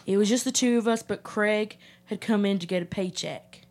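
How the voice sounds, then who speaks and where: Woman plays ditzy Texan lifeguard, giggly rambler, mid pitch. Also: normal speed, a little mellow, natural voice. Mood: gossiping. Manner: giggly, rambling, laughs often mid-sentence. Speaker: improv character being interviewed. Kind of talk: improvised comedy interview.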